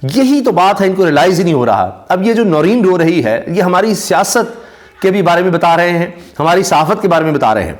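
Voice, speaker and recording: A man, giving casual spoken commentary on news clips, talking at length with many drawn-out pauses and fillers. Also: high voice, very animated. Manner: talkative, frequent "aa" fillers and pauses. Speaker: YouTube commentator.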